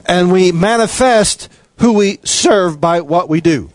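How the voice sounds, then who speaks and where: A slow sermon comes from a man with a somewhat higher-than-average male voice, insistently repeating phrases with a forceful cadence. The recording is dry.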